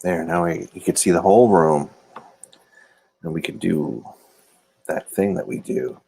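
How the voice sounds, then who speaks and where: A man's voice: low voice, unhurried, creaky, mellow, breathy edge. A man hosting a casual livestream, rambling and self-deprecating as he talks to viewers from a room. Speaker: livestream host. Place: indoor room. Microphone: phone or laptop camera mic.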